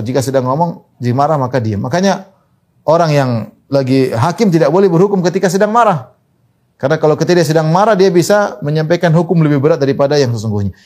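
Male preacher, slightly high voice, emphatic, repeats key points, swings pitch widely. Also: darkish tone. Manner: quotes Arabic scripture, emphatic repetition, pitch swings widely. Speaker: Islamic preacher. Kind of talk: religious lecture.

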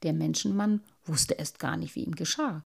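A woman reading a children's story aloud in an expressive, animated way. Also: low-pitched, normal speed, vocal fry, husky.

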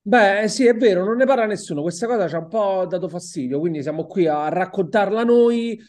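High-voiced Italian man reviewing a series. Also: fairly quick, a little mellow. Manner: hesitant, repeats words while searching for them. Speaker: podcast co-host. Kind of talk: casual film and TV review chat.

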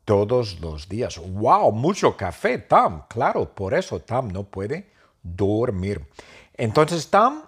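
A man with a husky voice tells a silly story at a slow, deliberate pace. He repeats every sentence playfully, and his pitch bounces up and down widely. He keeps the sentences short and simple. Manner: playful, repeats each line.

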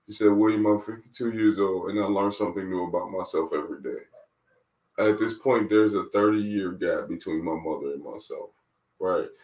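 Low-voiced man in his twenties, roomy sound. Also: a little mellow. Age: 20s. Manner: measured, repeats key phrases for emphasis. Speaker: guest, mental wellness coach. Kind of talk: reflective interview talk. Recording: roomy sound, distant from the mic.

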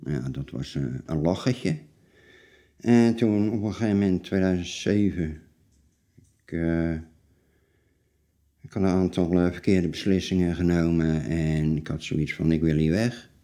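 A man of forty-seven, answering personal interview questions in a halting, blunt, plain-spoken way. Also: sits low, warm tone. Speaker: interview guest telling his life story.

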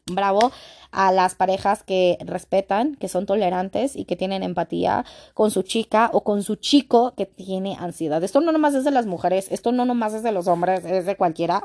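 A woman's voice: medium pitch, gravelly, dark tone. A young woman with a Mexican accent talking candidly as a podcast host, blunt and slangy, with frequent restarts. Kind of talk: casual monologue.

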